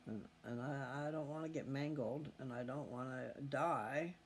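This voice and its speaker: A folksy man with a gravelly creak in his mid-range voice talks at a moderate pace to viewers of his scripture reading channel. He meanders and thinks aloud in casual chat, with faint background noise.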